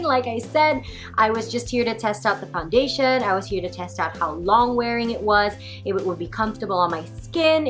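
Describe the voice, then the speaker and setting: A woman's voice: mid-range voice, fairly bright tone, rough recording. A young woman from the Philippines chatting to camera for a beauty vlog, bubbly and chatty, filming with a handheld camera in her car and at home. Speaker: beauty vlogger. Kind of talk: casual vlog chat to camera.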